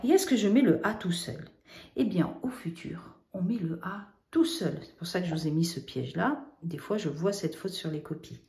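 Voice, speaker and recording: A woman gives a children's spelling lesson in a patient, guiding way. She poses questions and answers them herself, spelling out endings letter by letter. Her voice is mellow and dark, heard in a room with noticeable echo. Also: lowish voice, expressive, moderate pace. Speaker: teacher.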